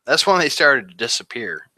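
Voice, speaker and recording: In a dry, low-quality recording, a man in his thirties with a medium-pitched, sharp, sing-song voice talks at a moderate pace. As an Army veteran guest in a casual interview, he rambles through his war story with many "like" fillers, laughing at grim moments.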